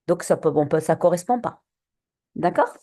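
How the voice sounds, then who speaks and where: Mellow-voiced woman teaching a class. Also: lowish voice, lively intonation, normal speed. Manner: patient, questioning, many fillers and restarts. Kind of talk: classroom lesson on poetry.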